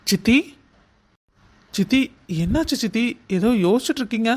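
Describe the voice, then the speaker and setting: This is a young husband in a cartoon family drama, voiced by a man, protective and hot-tempered. His voice sits very high, and he talks with earnest urgency. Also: expressive. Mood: reassuring. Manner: earnest, quick to anger.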